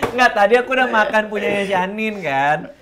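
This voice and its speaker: Playful teasing man with a lively voice. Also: sits high, fairly quick, heavy background noise. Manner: playful, teasing, laughs often. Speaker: vlog host. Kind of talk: casual teasing chat.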